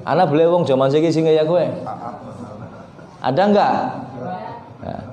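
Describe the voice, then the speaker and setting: A preacher with a Tegal Javanese accent delivers an animated sermon in a high voice, slipping local dialect into his talk. The sound rings in an echoey prayer room. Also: measured pace.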